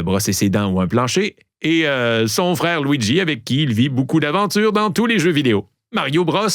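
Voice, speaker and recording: Animated Québécois man telling riddles. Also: mid-range voice, dry recording, clean studio sound. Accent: Québécois French. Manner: joking, animated, repeats each clue slowly. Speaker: podcast host. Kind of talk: playful riddle and trivia telling. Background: background music.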